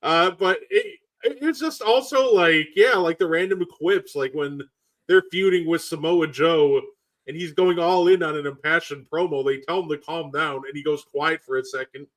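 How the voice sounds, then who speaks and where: A man's voice: a little high, normal speed, a bit bright. A man co-hosting a podcast in casual chat, enthusiastic and full of "like"s. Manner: enthusiastic, filler-heavy with many "like"s. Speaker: podcast co-host. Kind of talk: casual chat about wrestling.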